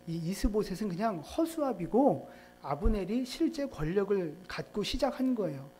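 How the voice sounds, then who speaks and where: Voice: medium pitch, mellow, slight background noise. A pastor preaching a sermon in a church in a conversational way, putting questions to the congregation. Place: church sanctuary.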